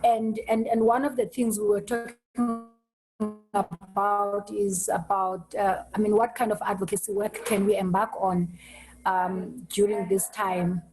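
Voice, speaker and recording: A woman hosting an online meeting over a video call, speaking haltingly and restarting her words often. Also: mid-range voice, flat delivery, darkish tone, soft background music, poor audio. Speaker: host.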